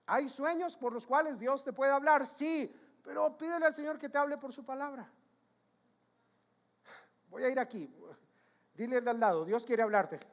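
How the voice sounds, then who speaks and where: A man's voice: very high voice, normal speed, pauses often. A man preaching a sermon as pastor, emphatic, repeating his points and questioning the congregation.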